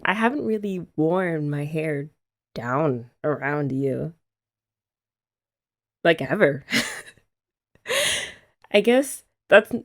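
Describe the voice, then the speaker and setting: Her voice sits low and creaky: a young ASMR creator in a scripted roleplay as a girlfriend. She teases her partner playfully and laughs often.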